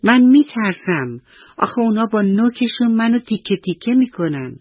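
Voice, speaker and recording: A man's voice: high-pitched, sing-song, no room sound, highs cut off, voice pushed up. A man voicing a timid scarecrow who worries aloud in a children's radio story. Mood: fretful.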